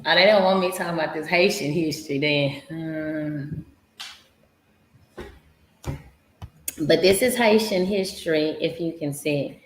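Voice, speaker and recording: A woman hosting a casual livestream, talking slowly and haltingly with many fillers and restarts. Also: low-pitched, a little hiss or hum. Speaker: livestream host. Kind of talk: casual livestream talk about history. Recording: echoey room with faint guitar music.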